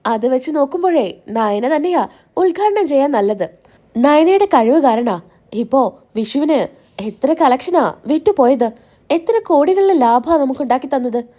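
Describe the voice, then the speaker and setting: Woman doing a firm matriarch, decisive, high, mellow. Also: expressive, moderate pace. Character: firm older matriarch favoring one daughter-in-law.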